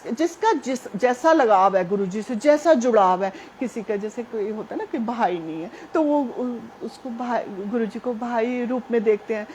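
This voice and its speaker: Woman, fairly high voice, devotional testimony, earnest storytelling, speaks straight to listeners. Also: a little mellow, slight background noise. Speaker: devotee sharing a personal testimony.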